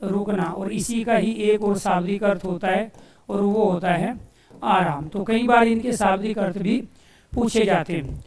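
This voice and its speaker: A male coaching teacher giving a Hindi grammar lesson for exam students, asking questions and answering them himself and repeating key phrases slowly as if dictating. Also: high voice, a little mellow, roomy sound, recorded from a distance. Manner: addresses listeners as dear friends.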